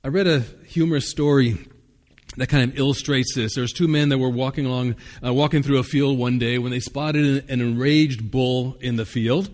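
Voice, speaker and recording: Male pastor, earnest conversational sermon, somewhat high voice, long church reverb. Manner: earnest, conversational, with occasional fillers.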